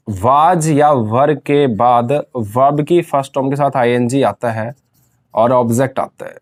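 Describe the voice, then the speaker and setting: Male grammar teacher, higher pitch, patient repetitive classroom delivery. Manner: calls students dear children, repeats key points. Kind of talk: classroom lecture.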